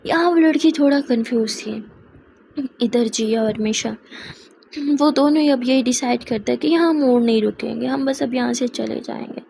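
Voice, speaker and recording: A woman narrating a love story aloud and acting out the characters' dialogue in a soft, expressive way. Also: fairly high pitch, normal speed, creaky, slight background noise, low-quality recording.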